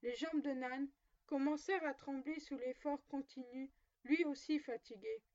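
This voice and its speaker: High-voiced woman reading a story. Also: steady tone, normal speed, darkish tone. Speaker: audiobook reader. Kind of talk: audiobook narration. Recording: dull lo-fi recording.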